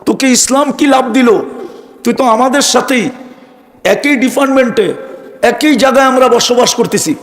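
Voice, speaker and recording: With a very high voice, this Islamic preacher speaks at a normal pace but pauses often. Before a live crowd, he preaches fervently and aims a stream of rhetorical questions directly at those listening.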